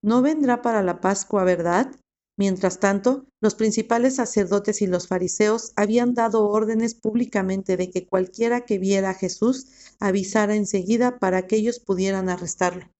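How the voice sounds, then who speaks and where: A woman giving a steady, measured reading of a Bible passage. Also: medium pitch, dull audio. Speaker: scripture reader.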